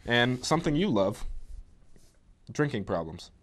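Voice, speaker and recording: Man, mid-pitched, easygoing sports co-host who rambles and restarts. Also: sing-song, measured pace, a bit bright, slight background noise. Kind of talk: casual sports chat.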